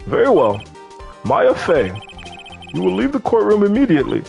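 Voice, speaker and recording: A man's voice: high-pitched, huge pitch swings, normal speed, creaky, a little mellow, soft background music, pitched above the performer's own voice, full character voice. A man voicing a meek, flustered elderly judge who speaks formally and apologetically.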